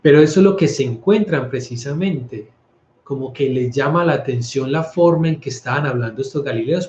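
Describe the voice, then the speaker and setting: This man, a priest from Colombia, has a mid-range, darkish voice and talks about scripture in a conversational way, often tripping over words and starting them again. Slight background noise comes through a roomy, echoey, somewhat muffled recording.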